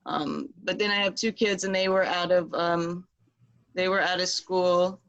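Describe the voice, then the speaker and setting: A woman in her thirties talks loosely over a video call, padding her thoughts with fillers. Her voice is gravelly with fry, and her pitch stays flat and even. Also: unhurried, muffled recording. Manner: rambling, many fillers. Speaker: meeting participant. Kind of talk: casual video call chat.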